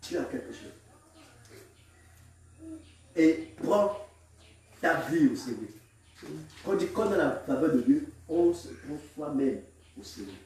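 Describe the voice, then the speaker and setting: A man preaching a call-and-response sermon as pastor, exhorting the congregation, repeating lines for them to echo and breaking into shouts. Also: on the high side, sing-song, slow, pauses often. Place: large echoing church. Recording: very echoey hall, mic far off.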